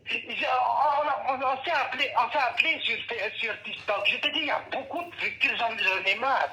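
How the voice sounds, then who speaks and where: A man's voice: very high-pitched, normal speed, sharp tone, heavily acted. A man playing a stressed young male caller in a comedy phone-in sketch, stammering and complaining over a crackly phone line. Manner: stammering, repeats himself, complaining. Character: fed-up young man phoning his coach, whiny and stressed.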